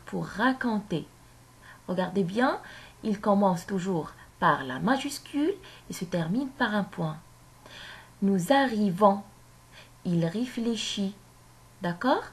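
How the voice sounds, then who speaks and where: A woman with a medium-pitched voice teaches a grammar lesson to young children. She speaks slowly and clearly, repeating phrases so the kids can say them back.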